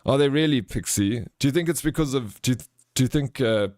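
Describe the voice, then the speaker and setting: A man's voice: medium pitch, brisk, darkish tone, no echo, studio quality. A man with a South African accent hosting a livestream, chatting casually and answering viewers in a chummy, informal way. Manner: chummy, informal, calls viewers bro and friend. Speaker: livestream host.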